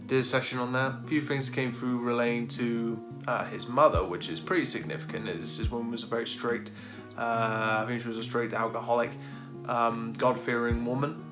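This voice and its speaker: A man in his thirties hosts a paranormal video in a casual, hesitant way. His voice is of middling pitch, and plucked guitar music plays clearly behind him. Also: steady tone, brisk. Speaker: paranormal investigator and video host. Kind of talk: casual talk to camera. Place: dark room indoors.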